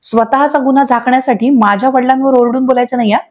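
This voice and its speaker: A woman's voice: sits high, steady tone, quick pace, darkish tone, highs cut off, lightly acted. A woman reading a scolding young wife. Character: young woman, wronged and angry.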